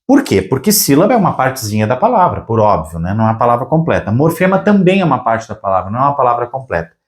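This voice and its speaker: A man teaching a recorded video lesson. He explains step by step, slows down to stretch out key words, and checks in with his students every few phrases. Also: mid-range voice, sing-song. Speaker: Portuguese language teacher.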